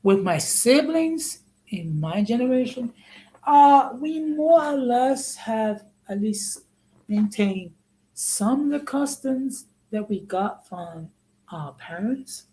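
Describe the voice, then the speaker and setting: A man's voice: very high voice, expressive, takes it slowly, dark tone, poor audio. A man in his sixties from the United States, hosting a casual live-stream talk in a conversational way and often checking in with "okay?". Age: 60s. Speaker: host.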